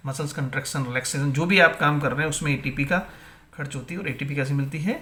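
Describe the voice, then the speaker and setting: A man's voice: fairly high pitch, steady tone, quick pace, bright, forceful tone. A male biology teacher gives an exam-prep lecture, asking questions and answering them himself, and mixing English terms into Hindi.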